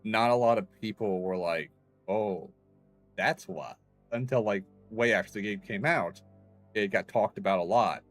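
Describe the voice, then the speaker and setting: Low-voiced man doing chatty game commentary. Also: moderate pace, soft background music. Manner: chatty storytelling, laughs often. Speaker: livestreamer. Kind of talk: casual gameplay commentary.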